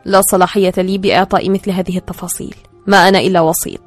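A woman's voice: medium pitch, fairly even intonation, fast, dark tone, faint music behind, lightly acted. A woman reading the part of a man who speaks dryly and curtly. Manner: dry, curt. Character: man, dry, curt go-between husband.

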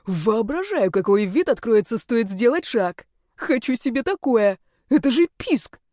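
A woman's voice: a little high, sing-song, measured pace, mellow, no echo, studio quality. Woman playing Yani, squealing camp snake-man. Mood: gushing. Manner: theatrical, gushing, squealing exclamations. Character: flamboyant cheeky male snake-man, huge and shameless.

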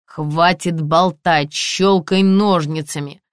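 A woman reading an audiobook, voicing an irritable stout middle-aged male police colonel who speaks slowly in gruff, clipped bursts. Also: mid-range voice, no echo, clean studio sound, close to an everyday voice. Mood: indignant. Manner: slow, gruff, loud clipped outbursts.

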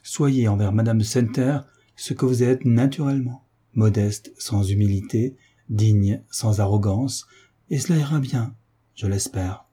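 Older hunchbacked marquis, read by a man, earnest, urging, husky, audiobook. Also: on the low side, measured pace, dark tone. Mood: urgent. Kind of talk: audiobook reading.

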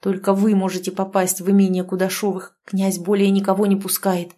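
A woman's voice: mid-range voice, monotone, brisk, warm tone, lightly acted. A woman reading the part of a brooding young male officer who pleads urgently.

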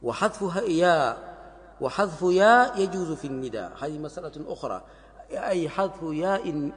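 A sheikh teaching classical Arabic grammar in a lesson. He repeats words and examples slowly for his students. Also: on the high side, expressive. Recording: long hall reverb.

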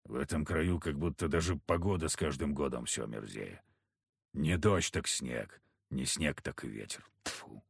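A man voicing a gruff, sullen big village hunter who grumbles curtly. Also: extremely low pitch, unhurried, dry recording, clean studio sound, pitched below the performer's own voice, heavily acted. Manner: grumbling, curt.

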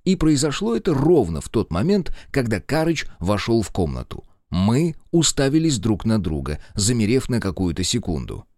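A man's voice: medium pitch, huge pitch swings, normal speed, few pauses, a little mellow, no echo, clean studio sound. A man narrating a first-person action story as an audiobook, telling it dramatically.

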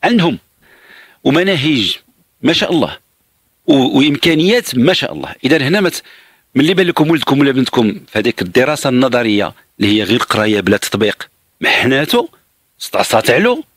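A Moroccan man hosts a call-in show, speaking fast with a lively, rising and falling voice. His tone is husky and the sound is close and dry, and he explains things patiently and reassuringly. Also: medium pitch, dry recording. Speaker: radio advice host. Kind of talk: radio call-in advice.

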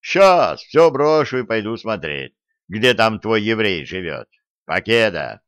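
A man's voice: on the low side, big pitch swings, takes it slowly, fairly bright tone, no echo, studio quality, heavily acted. A man as a scornful young commando. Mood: mocking. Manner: scornful, provoking. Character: brash mocking young special-forces commander.

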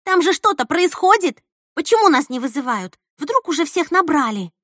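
A woman's voice: high-pitched, sing-song, moderate pace, fairly bright tone, dry recording, clean studio sound, pitched above the performer's own voice. A woman voicing an impatient young actress, pleading and insistent. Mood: eager.

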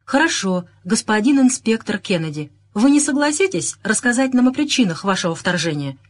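A woman's voice: medium pitch, big pitch swings, fairly quick, voice pushed up. A woman voicing an amused, teasing society lady.

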